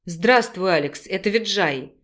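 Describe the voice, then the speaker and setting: A man's voice: sits high, animated, a little slow, a bit bright. A woman voicing a sullen, mocking male werewolf who speaks curtly through his teeth, in an audiobook.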